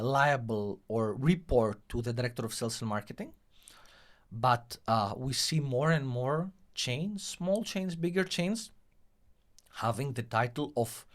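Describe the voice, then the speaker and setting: A man with a Greek, Mediterranean accent speaking conversationally as an interview guest, explaining his points and posing rhetorical questions. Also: mid-range voice. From Greece. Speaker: interview guest, hotelier and revenue technology professional.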